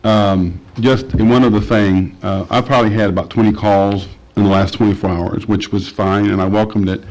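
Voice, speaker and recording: Measured man council member. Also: lowish voice, steady tone, a little mellow, rough recording. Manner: measured, starts with halting fillers. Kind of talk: remarks at a council meeting. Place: council chamber.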